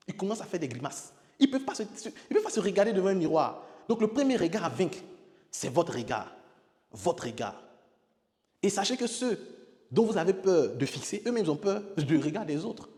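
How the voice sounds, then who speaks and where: Emphatic man coaching in a hall. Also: sits high. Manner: emphatic, repeats key words, demonstrates with sudden loud exclamations. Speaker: public speaking coach. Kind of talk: spoken lesson on public speaking. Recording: long hall reverb.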